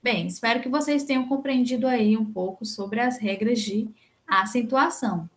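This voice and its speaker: A woman's voice: on the high side, moderate pace. A young adult woman with a Brazilian Portuguese accent, teaching a Spanish lesson and patiently explaining rules with frequent checks like "né?" and "tá?". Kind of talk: recorded online lesson.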